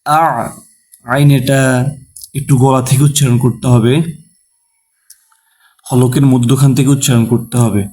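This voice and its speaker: A man teaching Quran recitation step by step. He spells out each syllable, explains the rule behind it, then chants the verse with long drawn-out vowels. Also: mid-range voice, level tone, mellow, slightly rough. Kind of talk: slow step-by-step recitation lesson.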